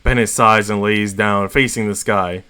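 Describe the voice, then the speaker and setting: A man's voice: fairly low pitch, steady tone, normal speed, bright, forceful tone, clear, resonant tone. A man reading a fan fiction story aloud as a narrator. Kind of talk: story reading with acted dialogue.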